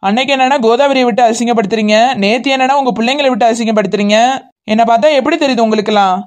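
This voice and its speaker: A woman's voice: on the high side, rapid-fire, a little mellow, close to an everyday voice. A woman with a Kanyakumari Tamil accent voicing a scheming, defensive woman who steals chickens. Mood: grumbling.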